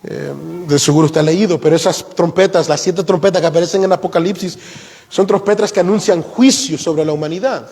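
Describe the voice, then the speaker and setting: A man delivers an expository sermon in a high, ringing voice. He climbs higher and louder to stress his main points and keeps asking the congregation questions. The church hall gives his words a long reverb tail. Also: a little fast, slightly rough. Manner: emphatic, rises in pitch for key points; asks the congregation rhetorical questions. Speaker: preacher. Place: church sanctuary.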